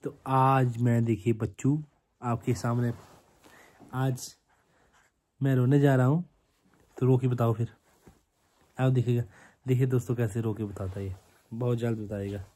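A man's voice: mid-range voice, steady tone, moderate pace, long pauses, warm tone. A man with a Himachali accent filming a casual family vlog at home, playfully teasing and coaxing his baby son.

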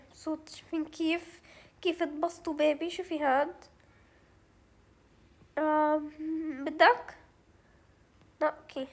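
A young woman with a Levantine Arabic accent, chatting through a game as she plays, thinking aloud and mixing in English words. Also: high-pitched. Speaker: gaming channel host. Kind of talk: let's play commentary.

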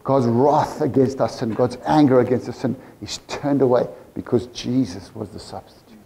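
A man with a South African accent preaching a sermon in church, animated and full of rhetorical questions to the congregation. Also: mid-range voice, normal speed, vocal fry, a little hiss or hum. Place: church service.

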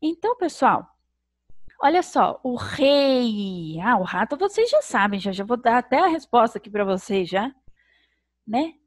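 A Brazilian woman teaching young children in a recorded video lesson, sounding out syllables slowly in a sing-song way. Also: fairly high pitch, big pitch swings, no echo. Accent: Brazilian Portuguese. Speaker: primary school teacher.

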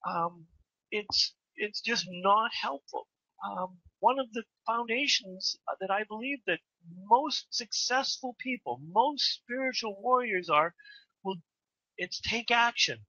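A woman's voice: on the high side, expressive, takes it slowly, pushed and bright, no room sound. A woman hosting a spiritual interview, asking earnest questions and often restarting her sentences. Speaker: host. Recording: dull, muffled lo-fi sound.

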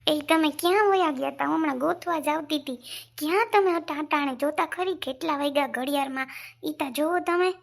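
A scolding, quick-tempered village wife, played by a woman in a comic sketch, speaking. Her voice sits high and carries a gravelly edge. She nags in rapid complaints. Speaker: actor in a village comedy sketch.

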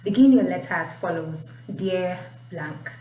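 A young woman with a Nigerian accent teaches IELTS writing in a relaxed tutorial, explaining points and reading aloud in a lowish, mellow, expressive voice at a measured pace. She's in a small indoor room, recorded on a distant mic that sounds roomy, with faint noise.

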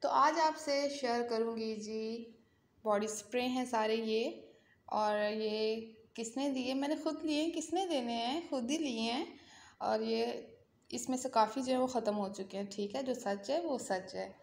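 A woman's voice: a little high, a little slow, slight background noise. A young Pakistani woman with a Pakistani Urdu accent, chatting casually with viewers in a home vlog. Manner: chatty, talks straight to viewers. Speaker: vlogger. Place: home room. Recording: echoey room, faint ambience.

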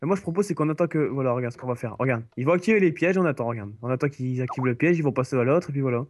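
A man's voice: mid-range voice, very fast, a little mellow, a little hiss or hum. A man in a casual gaming chat with friends, joking and explaining the game plainly. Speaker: gamer playing with friends.

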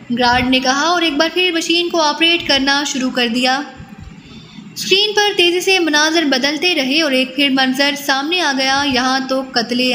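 High, bright-voiced woman narrating a thriller. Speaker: audiobook narrator. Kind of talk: scripted narration. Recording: long reverb, faint noise.

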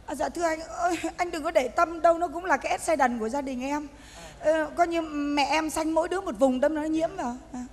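Woman playing a high-pitched, melodramatic schemer in a stage skit, faint hall hiss. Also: fairly quick, close to an everyday voice. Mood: coaxing. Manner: theatrical wailing and sobbing. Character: scheming woman faking grief for profit. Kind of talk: stage comedy sketch. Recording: live stage recording in a reverberant hall.

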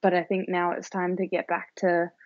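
Australian woman, 20s, guest on a video call, low and flat delivery, dull dry audio. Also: normal speed, dry recording. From New Zealand. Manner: rambling, lots of "like" and "um". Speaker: guest fighter. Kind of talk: casual interview over video call. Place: dim room indoors. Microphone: webcam on video call.

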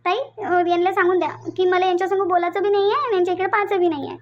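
Cartoon wife: high, quick, hurt young voice, Varhadi accent. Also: female voice, fairly even intonation, lo-fi sound. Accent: Vidarbha Marathi (Varhadi). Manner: hurt, sulky. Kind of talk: cartoon voice acting.

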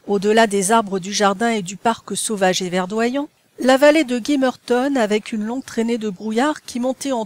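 A woman narrating a classic novel as an audiobook in a measured, even storytelling manner. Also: fairly high pitch, no room sound.

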